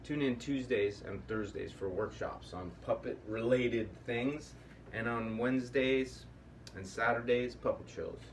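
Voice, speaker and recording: With a measured pace and a mid-range voice, a man hosts a puppetry workshop casually, musing aloud and wandering from point to point. He's captured by a faraway mic against soft room noise.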